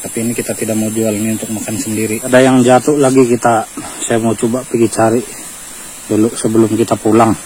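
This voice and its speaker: A man's voice: lowish voice, quick pace, low-quality recording. A man from Malaysia, casually explaining as he vlogs outdoors in a durian orchard. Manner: relaxed explaining, steady even delivery. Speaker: vlogger. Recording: outdoor recording with clear background noise.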